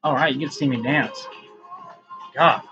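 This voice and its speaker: A man's voice: mid-range voice, normal speed, sharp tone, muffled recording, soft background music. A man reading his own poems aloud in a casual vlog, with rambling, self-mocking asides between them.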